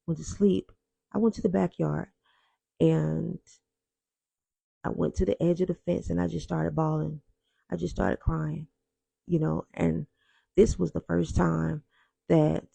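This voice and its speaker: A man with a heavily gravelly, mellow voice recounts a personal testimony. He speaks in an earnest, reflective way, often pausing and repeating words as he works through the memory. The recording is close and dry, with no room sound. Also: fairly high pitch, dry recording.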